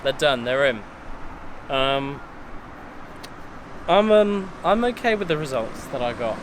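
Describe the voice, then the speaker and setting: A man's voice: medium pitch, sing-song, slow pace, noisy background. A young man with an English accent, chatting casually to camera in his home basement about exam results. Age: young adult. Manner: chatty, loose, swears casually. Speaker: vlogger. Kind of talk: casual vlog talk to camera.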